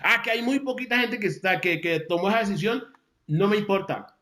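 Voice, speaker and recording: Man, motivational speaker, high voice, repeats phrases for emphasis, roomy echo. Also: a little fast, pushed and bright. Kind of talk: motivational talk to an audience.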